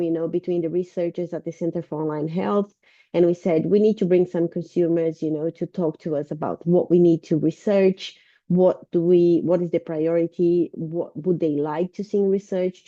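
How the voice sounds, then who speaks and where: Sounding slightly off because she's ill, a Brazilian woman whose first language is Portuguese presents informally as a researcher and lecturer on a video call. Her fairly low voice has a warm tone in a dry recording, and the call audio comes through dull and muffled.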